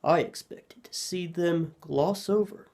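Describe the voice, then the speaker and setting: A man narrating a horror story in a measured storytelling manner. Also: on the high side, darkish tone.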